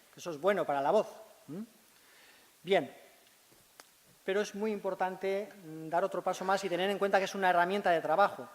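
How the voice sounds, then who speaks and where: A man, a speech therapist giving a conference talk in a large hall. He teaches step by step and keeps checking in with short tag questions. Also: sits high. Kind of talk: conference presentation. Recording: long reverb of a large hall.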